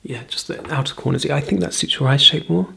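A woman in her thirties performing a fast ASMR role-play as a brisk, chatty makeup artist, murmuring softly close to the microphone. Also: low voice. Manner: fast, breathy ASMR soft-spoken and soft murmuring.

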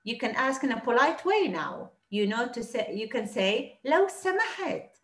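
A woman teaching a class, explaining patiently and repeating words slowly. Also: on the high side, animated, roomy sound. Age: 30s. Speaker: Arabic teacher.

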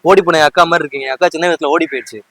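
A man with a Tamil accent, talking in hidden-camera prank banter on a park bench outdoors, complaining and ranting loudly. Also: fairly high pitch, steady tone, racing, heavy background noise. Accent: Tamil Nadu.

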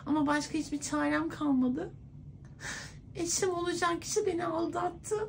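Man doing a high-pitched coy woman's voice. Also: steady tone, moderate pace, vocal fry, slight background noise. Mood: coy, tipsy. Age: 20s. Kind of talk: prank phone call. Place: clothing shop, indoors.

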